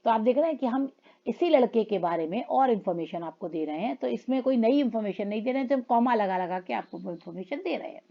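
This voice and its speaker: A woman teacher explaining a grammar lesson in a classroom style, calling her students children and reading examples slowly. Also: a little high, lively intonation, vocal fry, muffled recording. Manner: addresses students as children, reads English lines slowly.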